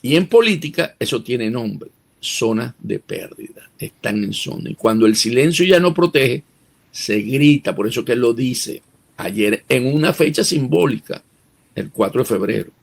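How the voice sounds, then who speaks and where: Male analyst, gravelly husky voice, emphatic interview commentary. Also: medium pitch, animated, moderate pace. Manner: emphatic, rhetorical questions, restarts words. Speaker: political analyst guest.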